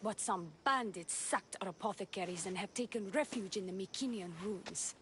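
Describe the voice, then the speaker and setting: Woman playing a sly, poised priestess, measured and theatrical. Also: mid-range voice, fairly bright tone, a little hiss or hum, natural voice. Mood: persuasive. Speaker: game character. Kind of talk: video game voice acting.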